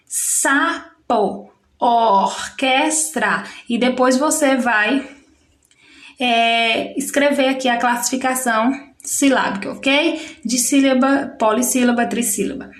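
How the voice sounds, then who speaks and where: A woman's voice: a little high, fairly bright tone, echoey room. A woman teacher gives a recorded lesson to young schoolchildren, patiently stretching out words to show the syllables. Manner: slow, patient, drawn-out syllables when demonstrating. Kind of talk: recorded classroom lesson for children.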